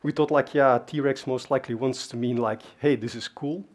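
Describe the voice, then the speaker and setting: The speaker is a Dutch man at a technical conference, talking casually from a large dark stage with lots of fillers and asides. He keeps a steady tone in his mid-range voice and a moderate pace.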